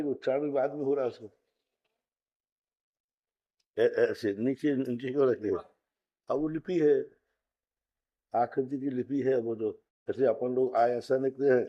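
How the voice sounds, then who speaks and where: A man with a medium-pitched voice teaches a Sanskrit grammar class, explaining step by step, slowly chanting rules, and putting questions to his students. The audio sounds dull.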